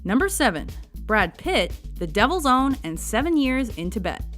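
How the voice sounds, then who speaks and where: A woman's voice: a little high, sing-song, moderate pace, a bit bright, faint music behind. A woman reading a scripted countdown narration with wry, sarcastic asides.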